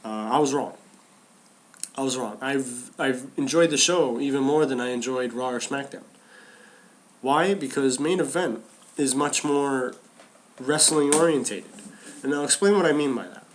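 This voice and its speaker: A man's voice: mid-range voice, moderate pace, pauses often, slight background noise. A man co-hosting a podcast, talking casually and animatedly about wrestling, often restarting and repeating phrases. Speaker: podcast co-host.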